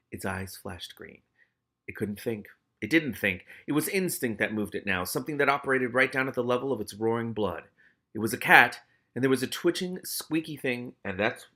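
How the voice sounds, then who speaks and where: This man hosts a novel read-aloud, delivering it dramatically and stopping for casual, sweary, exclamatory remarks. His medium-pitched voice is gravelly and bright with a forceful tone.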